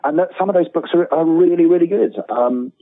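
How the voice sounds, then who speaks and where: A middle-aged man appears as a casual interview guest over a thin, phone-like line, rambling in a self-deprecating, enthusiastic way. His voice is on the high side and a little fast, with no echo.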